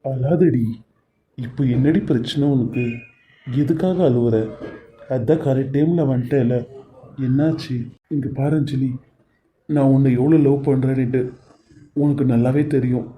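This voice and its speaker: A man's voice: medium pitch, fairly even intonation, a little slow, pauses often, warm tone, natural voice. A man voicing a caring, protective young husband in a cartoon serial, speaking in a coaxing way.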